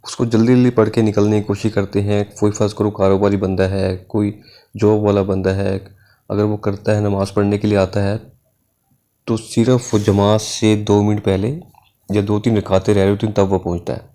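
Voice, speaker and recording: Low, mellow-voiced man preaching. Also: flat delivery. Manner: measured, earnest reading with unhurried pauses. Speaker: religious speaker. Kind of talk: reading scripture commentary then preaching.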